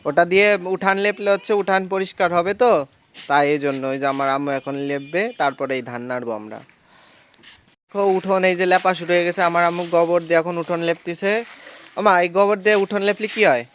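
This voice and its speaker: A man's voice: high voice, fast talker, fairly bright tone, a little hiss or hum. A young man from a Bengali village vlogging in simple, teacherly talk, asking viewers questions and answering them himself. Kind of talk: casual explainer vlog to viewers. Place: outdoors in a village farmyard.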